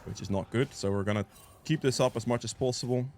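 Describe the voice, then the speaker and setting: With a cold making him sniffle, the player and guide maker narrates his game live, casually musing and reacting as things happen. His voice is medium-pitched and darkish, at a quick pace.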